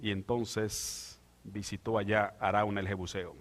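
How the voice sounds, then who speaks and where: A male pastor preaching a sermon, moving from quiet asides to loud, drawn-out proclamation. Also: fairly low pitch, level tone. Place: church sanctuary. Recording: church hall with long reverb.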